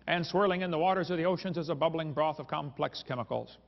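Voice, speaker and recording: A man with a fairly high voice lectures a live crowd, cracking sarcastic jokes and chuckling as he tells his stories. His voice rings out with a long reverb in a big hall. The sound is dull and lo-fi. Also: quick pace, creaky. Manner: joking, sarcastic storytelling with chuckles. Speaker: creationist speaker. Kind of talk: humorous lecture to a live audience.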